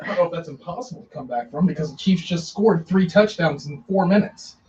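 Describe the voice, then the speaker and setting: A man's voice: a little high, a little fast, a little mellow, slightly rough, highs cut off. A man, the host's husband, casually calling out football score updates from off to the side of the stream. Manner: following a football game, offering updates.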